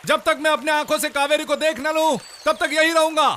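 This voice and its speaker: A guilt-ridden young man refuses every plea in a high, bright voice. Faint background noise sits behind him. It is dubbed film drama. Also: flat delivery, fairly quick. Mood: guilty. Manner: stubborn, refusing. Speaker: grieving son. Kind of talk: Hindi-dubbed film acting.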